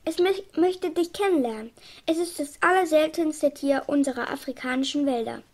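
A woman reading a loyal, excited monkey in a children's storybook, speaking eagerly. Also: high-pitched, normal speed. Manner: eager and enthusiastic.

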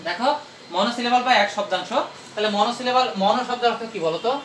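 A fairly bright, mid-range voice belongs to an English teacher covering grammar in a classroom, writing on the board and explaining slowly through self-posed questions and answers. The sound is roomy, with a little hiss or hum.

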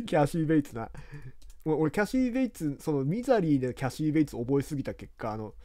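A man from Japan talking casually over a video game he plays, rambling and chatty in rough, informal speech. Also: a little high, sing-song, brisk, mellow, no echo. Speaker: game commentator. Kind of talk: casual let's-play commentary.

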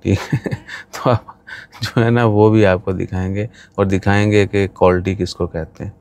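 A man's voice: sits low, flat delivery, measured pace, darkish tone. A man, chatting to the camera from a parked car. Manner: chatty, gestures with his hand. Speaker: vlogger. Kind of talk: casual talk to camera. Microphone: phone on dashboard.

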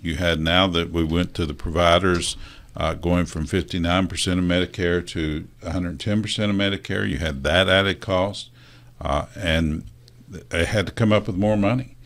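A middle-aged man from West Virginia, a union president guest on a local talk show, talking in a halting, earnest way with many restarts. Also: sits low, steady tone, fairly bright tone. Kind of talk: casual studio talk show interview.

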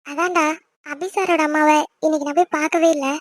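A woman's voice: sits high, steady tone, brisk, natural voice. A woman voicing a teasing, bossy young older sister in a family cartoon, with a chirpy voice. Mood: caring. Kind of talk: cartoon voice acting.

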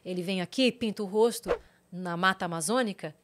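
Brazilian woman, middle-aged, podcast guest; emotional storyteller who acts out quotes, mid-pitched voice. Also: brisk, a little hiss or hum. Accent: Brazilian Portuguese. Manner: animated storytelling, quotes others in changing voices. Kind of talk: casual podcast interview.

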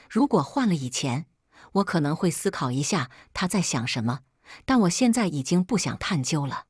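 A woman reads a first-person story aloud in a calm, measured way. Her voice sits a little low and has a breathy, husky grain. The sound is close and dry, with no room around it. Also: no echo.

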